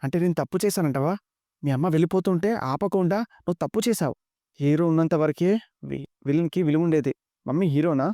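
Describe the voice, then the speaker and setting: A man voicing a cold, calculating young woman who plots against her family, read rapidly and dry. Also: a little high, mellow, no room sound, lightly acted. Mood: defiant. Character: scheming young woman villain, cold and ambitious.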